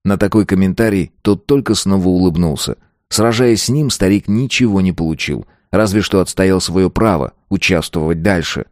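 A man narrating an audiobook with steady, even storytelling. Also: low-pitched, normal speed, no echo, clean studio sound.

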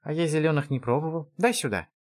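Man doing a curious kid, a bit higher voice, asking stuff. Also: quick pace, natural voice. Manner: raised childlike voice, questioning. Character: curious older boy, inquisitive and cautious.

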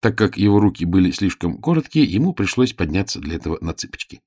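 Expressive male audiobook narrator. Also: deep voice, fast, dry recording, studio quality.

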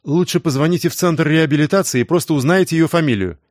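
A man's voice: a little high, fast talker, no echo, pitched above the performer's own voice, close to an everyday voice. A young woman detective, hesitant at first but pushy and eager, as a male narrator lifts his voice for her. She is recorded close and dry, in an audiobook reading.

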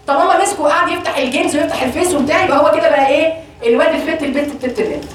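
A woman's voice: very high voice, slight background noise. A woman with an Egyptian accent giving a religious lesson to women, asking questions and answering them herself. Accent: Egyptian Arabic. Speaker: religious teacher. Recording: echoey room, voice far from the mic.

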